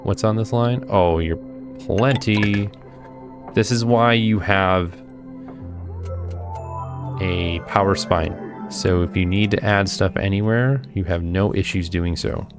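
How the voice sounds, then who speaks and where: A man giving casual commentary while he plays a video game, thinking out loud and talking to himself as he plays. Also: sits low, slow pace, pauses often, over music. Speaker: gameplay video host.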